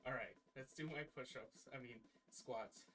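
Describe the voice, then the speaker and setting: Slow-talking man counting workout reps. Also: mid-range voice, a bit bright, faint music behind. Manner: counting reps aloud, chatty and self-amused. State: catching his breath. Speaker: streamer. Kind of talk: casual live-stream chat while exercising.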